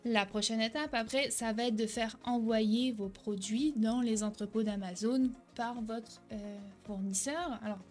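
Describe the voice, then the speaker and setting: A woman's voice: fairly high pitch, measured pace, few pauses, soft background music. Upbeat young woman coaching the viewer. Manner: energetic, checks in with a frequent "ok?"; some hesitations and self-corrections. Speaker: online selling coach. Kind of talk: direct-to-camera tutorial.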